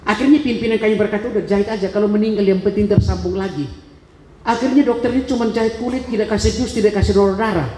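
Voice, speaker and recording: High-voiced man preaching in an echoing hall. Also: steady tone, fast talker, mellow, slight background noise. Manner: dramatic storytelling, acting out voices and gasps. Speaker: preacher giving a testimony. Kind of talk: sermon testimony. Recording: echoey hall reverb.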